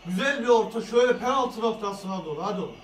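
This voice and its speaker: A man's voice: sits high, lively intonation, fast talker. A man reacting live to a football match, urging players on with exclamations, swearing and giving frank verdicts. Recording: roomy echo.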